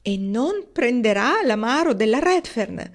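A woman's voice: on the high side, big pitch swings, unhurried, voice pushed up, exaggerated voice. A woman reading aloud, voicing a fussy female cousin who whines in a plaintive voice. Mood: whining. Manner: whining, plaintive.

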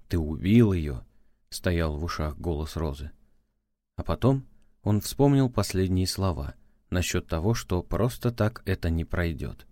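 A man with a very low voice reads an audiobook in a steady, measured way. The recording is dry and close, with no room sound. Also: dry recording. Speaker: audiobook narrator. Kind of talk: scripted audiobook narration.

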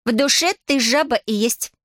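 A woman's voice: fairly high pitch, quick pace, no echo, studio quality, voice pushed up, natural voice. A woman voicing a bold, cheeky young sorceress with a wand, speaking confidently, read for an audiobook. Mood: cocky.

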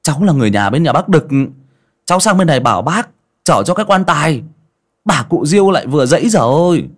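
A man's voice: mid-range voice, huge pitch swings, moderate pace, voice pushed up. A man voicing a brash, cheeky young village man.

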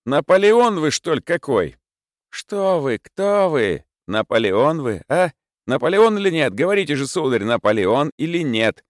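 A man's voice: fairly high pitch, sing-song, unhurried, no room sound, studio quality, voice pushed up. A man voicing a furious, indignant lodger in a storybook reading, hurling scornful questions. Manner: shouting, scornful, hectoring questions.

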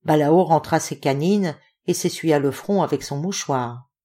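A woman reading a novel aloud as a volunteer audiobook narrator, with expressive delivery. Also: low voice, a little slow. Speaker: audiobook reader.

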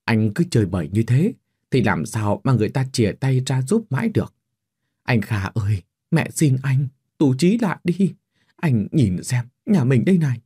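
A man's voice: medium pitch, big pitch swings, normal speed, a little mellow, husky. A man voicing a frail, trembling old mother who pleads weakly with her son, in a storybook reading. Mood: sorrowful pleading. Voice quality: thin trembling old woman's voice. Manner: pleading, quavering. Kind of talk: storybook narration with voiced characters.

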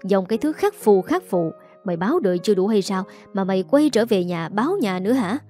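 A woman's voice: medium pitch, expressive, brisk, mellow, faint music behind, lightly acted. A woman voicing a hot-tempered, crude grown son who roars and curses, in a Southern Vietnamese accent. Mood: roaring. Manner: roaring, cursing.

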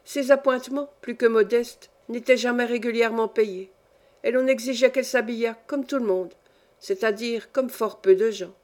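A woman narrating a classic short story for an audiobook, her voice sitting on the higher side. She reads in a measured, clear way, letting each phrase land. The delivery is steady, literary narration. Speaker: audiobook reader.

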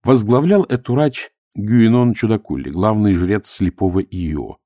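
A man narrating an audiobook with an expressive, lively reading. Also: fairly low pitch, a little slow, no room sound, clean studio sound.

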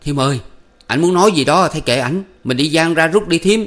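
A man's voice: on the high side, fairly quick, fairly bright tone, voice pushed up, natural voice. A man voicing a tense young gunman, speaking in a strained, raised voice. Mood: hushed urging.

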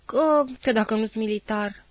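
A woman's voice: on the high side, no room sound, close to an everyday voice. A woman voicing a poor, frightened older male lime-burner who stammers and whines in a dry audiobook recording. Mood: panicked. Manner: stammering, whining, rushed.

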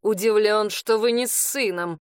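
A woman's voice: medium pitch, moderate pace, clean tone, no room sound, studio quality, close to an everyday voice. A woman reading the lines of a brusque, rude male courtier in an audiobook. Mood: curt. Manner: brusque, clipped and insistent.

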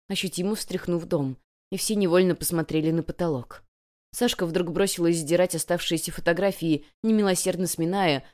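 A woman narrating an audiobook in an expressive, dramatic way. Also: fairly low pitch.

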